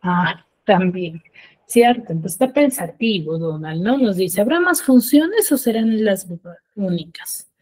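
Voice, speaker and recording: A woman teacher giving an online class, explaining step by step and often checking with quick tag questions. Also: medium pitch, animated, darkish tone. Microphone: video call.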